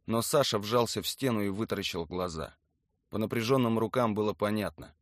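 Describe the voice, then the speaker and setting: A male audiobook narrator reading a documentary book in an even, matter-of-fact way. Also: on the low side, a little fast, dry recording, studio quality.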